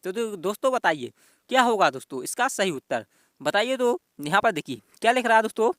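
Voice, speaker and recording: This male exam-prep reasoning tutor has a high, sing-song voice that moves fairly quickly and sounds a bit bright, with a dry, close recording. He teaches step by step in a bouncy style of rhetorical questions, constantly calling viewers his friends and repeating questions to himself.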